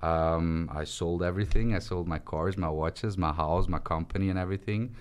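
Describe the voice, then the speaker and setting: Low-voiced guy in his twenties, laid back and chatty, talking into a studio mic. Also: normal speed, smooth. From Switzerland. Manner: relaxed, chatty storytelling with gestures. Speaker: guest. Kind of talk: casual interview conversation. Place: small podcast studio, indoors. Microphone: studio mic on stand.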